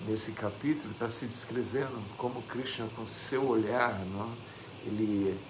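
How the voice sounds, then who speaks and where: A man's voice: mid-range voice, gravelly, background noise. A man with a Brazilian Portuguese accent giving a religious class, reading scripture and commenting. He repeats phrases and keeps asking "não é?" to his listeners. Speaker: religious teacher. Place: devotional center hall.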